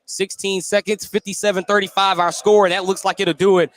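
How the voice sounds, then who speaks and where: Light gym noise sits behind this man as he delivers live basketball play-by-play for radio. He speaks in a high, level, slightly bright voice, a little fast.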